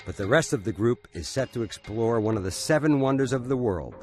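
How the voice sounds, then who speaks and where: A man's voice: medium pitch, lively intonation, fairly quick. A man giving scripted documentary narration as a studio voice-over, with an upbeat, wry storytelling manner. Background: soft music bed.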